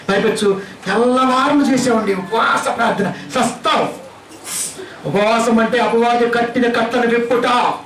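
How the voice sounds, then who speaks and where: A man's voice: very high voice, a bit bright, reverberant, distant mic, a little hiss or hum, rough recording. A male pastor with a Telugu accent preaching a sermon, scolding his listeners with a string of rhetorical questions.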